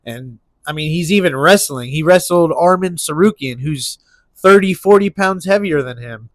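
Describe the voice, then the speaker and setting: Solo and casual, an MMA channel host with a slightly high, congested voice chats about sports at a moderate pace. His talk wanders, full of fillers and restarts, and the recording has no echo.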